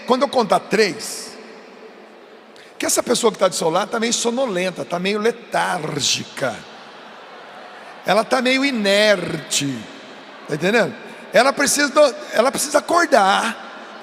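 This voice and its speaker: A Brazilian man preaching to a youth crowd, emphatic, swinging between coaxing and shouting. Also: high voice. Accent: Brazilian Portuguese. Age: adult. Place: large event stage. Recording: long reverb of a big venue, faint noise.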